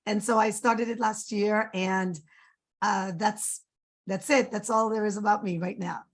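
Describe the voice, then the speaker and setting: A woman from Trinidad and New York speaks as a panellist at an average pitch. She is conversational and plain-spoken, giving an informal introduction. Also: fairly even intonation, measured pace. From Trinidad and Tobago and New York. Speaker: panellist, development consultant.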